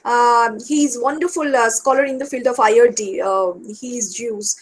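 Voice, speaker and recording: A woman hosting a webinar over a video call, full of fillers and warm praise. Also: on the high side, normal speed. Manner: hesitant, many fillers and restarts, effusive praise. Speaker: webinar host. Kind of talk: casual webinar moderation.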